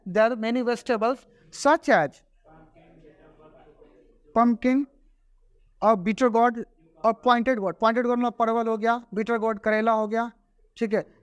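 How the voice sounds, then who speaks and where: A man's voice: very high-pitched, no echo. A man teaching a grammar lesson. He repeats each example word by word and often checks whether the class has understood. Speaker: English teacher.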